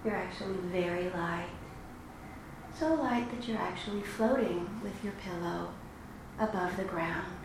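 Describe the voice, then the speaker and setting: A woman with a fairly low voice leads a guided meditation, slow and soothing and instructive, with long pauses. The room is very echoey and the background is clearly noisy.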